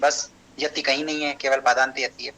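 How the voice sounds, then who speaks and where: A man teaching an online Sanskrit class, explaining step by step, checking understanding and chanting verses slowly. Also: mid-range voice, little pitch movement, pushed and bright, poor audio.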